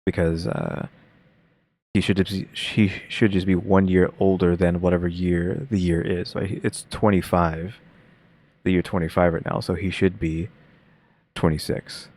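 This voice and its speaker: A man with a low, darkish voice and flat delivery reacts casually to a video, thinking out loud as he rambles. He leans on lots of fillers, and his pace lurches between slow and rushed.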